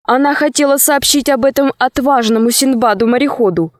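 A woman narrating a children's audiobook story in a calm, measured reading voice. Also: high voice, dry recording, studio quality.

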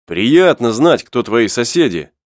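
A man's voice: medium pitch, big pitch swings, unhurried, no echo, clean studio sound. A man reading the part of a stubborn sailor who insists on his plan, in a storybook reading. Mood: insistent.

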